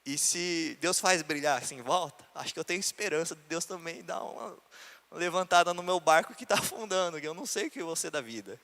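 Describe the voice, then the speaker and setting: A pastor from Brazil delivers a testimony in his sermon, dramatizing the voices of people in his story. He talks a little fast in an animated, slightly high and somewhat bright voice, with long church hall reverb.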